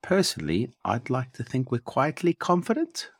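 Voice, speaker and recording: A man's voice: mid-range voice, wildly swooping pitch, moderate pace, vocal fry, husky, no room sound, clean studio sound. A man co-hosting a casual sports podcast, bantering in a tipsy, mock-formal way. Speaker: podcast co-host.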